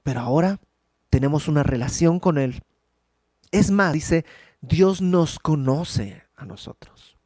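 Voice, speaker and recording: Guy doing a bible study, earnest and emphatic, kinda high voice, dry sound. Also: takes it slowly, mellow, no room sound. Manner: earnest, emphatic, conversational teaching. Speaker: Bible teacher.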